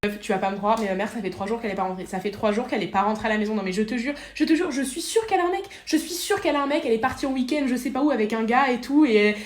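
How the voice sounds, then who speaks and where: A young woman from France performing comedy sketches, playing every part herself and switching between characters in a chatty, expressive way. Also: on the high side, roomy sound. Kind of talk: comic sketches playing all the parts.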